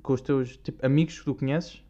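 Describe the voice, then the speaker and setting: A man's voice: mid-range voice, fairly even intonation, a little fast, mellow. A young man with a European Portuguese accent, hosting a podcast in a rambling, slang-heavy casual monologue. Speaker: podcast host. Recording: dull lo-fi recording.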